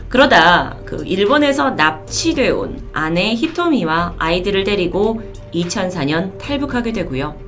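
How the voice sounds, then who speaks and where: A woman's voice: medium pitch, fairly bright tone. A woman hosting a storytelling video, explaining events in polite presenter phrasing. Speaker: host of a storytelling video channel. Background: faint music.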